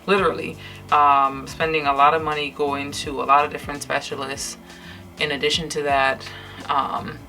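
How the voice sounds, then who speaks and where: A tired young vlogger from Trinidad and Tobago, with a light Trinidadian English accent, chats candidly to her camera while doing her makeup at home at night. Her voice sits low with a sharp tone, and her talk is full of fillers and restarts.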